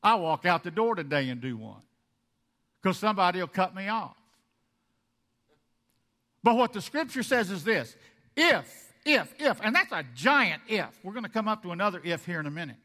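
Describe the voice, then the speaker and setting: Male pastor, high bright tone, lively sermon delivery with big loud-soft swings. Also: moderate pace, pauses often. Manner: animated, swings between loud emphasis and soft asides; acts out the congregation's objections.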